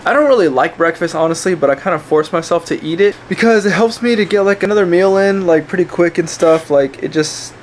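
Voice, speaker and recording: A man's voice: high-pitched, brisk, few pauses, a little hiss or hum. A young adult man chatting casually to camera like a gym bro, with slangy, sweary talk, as a fitness vlogger. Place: small indoor rooms at home, bedroom and kitchen.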